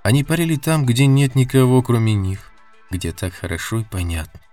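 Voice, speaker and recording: A man narrating an audiobook in a steady, measured reading. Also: mid-range voice, faint music behind. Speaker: audiobook reader. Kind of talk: scripted narration.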